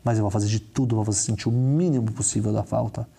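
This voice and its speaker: A man voicing a tender, tearful young foster mother who speaks gently and pleadingly. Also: fairly low pitch, fairly even intonation, fast, gravelly, husky, pitched below the performer's own voice.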